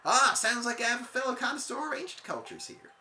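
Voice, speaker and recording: A let's player voicing an excitable male rock creature, with a laid-back surfer drawl and a bit of hillbilly twang, who keeps calling the listener "bud.". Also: mid-range voice, fast talker, roomy sound, a little hiss or hum, pitched above the performer's own voice.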